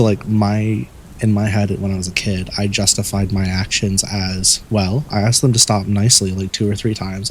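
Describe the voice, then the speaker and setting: A male streamer talks in a slow, laid-back late-night ramble, swearing now and then. His voice sits low with a gravelly, fry-edged texture. Faint noise hangs behind him. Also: low-quality recording. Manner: relaxed, rambling, swears casually. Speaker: streamer host. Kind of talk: late-night casual chat.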